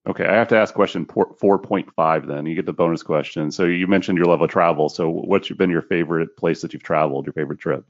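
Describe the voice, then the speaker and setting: A man co-hosting a podcast, briskly reading out numbered interview questions. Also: low-pitched. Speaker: podcast co-host. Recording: dull lo-fi remote audio.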